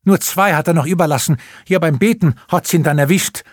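A man's voice: a little high, a little fast, no echo, clean studio sound, voice pushed up, natural voice. A man voicing a timid village sexton who mumbles sheepishly.

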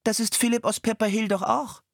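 A man voicing a mischievous six-year-old boy who calls out loudly and eagerly. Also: high-pitched, little pitch movement, fairly quick, vocal fry, no room sound, studio quality, voice pushed up. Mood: cheeky. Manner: loud, eager calling out.

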